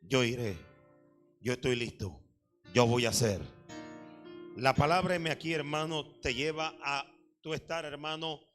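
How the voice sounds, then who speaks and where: A male pastor with a medium-pitched, somewhat bright voice preaches a Sunday sermon at a church service. He is emphatic and repeats phrases, frequently posing questions to the congregation.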